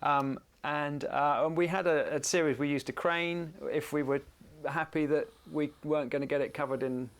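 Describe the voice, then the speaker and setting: A man's voice: fairly high pitch, fairly even intonation, normal speed, hardly any pauses, clean tone. A man speaking on a panel as a camera operator, thoughtful and searching for his words. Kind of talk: panel discussion answer. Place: event in front of an audience.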